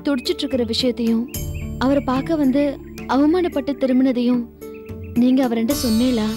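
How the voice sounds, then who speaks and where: A woman's voice: high-pitched, fairly even intonation, fairly quick, music in the background, close to an everyday voice. A woman playing a devoted, resolute young woman. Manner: earnest and determined. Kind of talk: TV serial acting.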